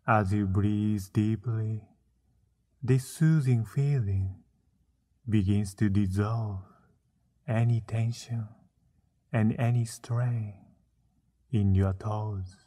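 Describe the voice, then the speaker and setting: A man narrating a guided meditation, soothing and unhurried, with frequent pauses between short phrases. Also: on the low side, fairly even intonation, dark tone.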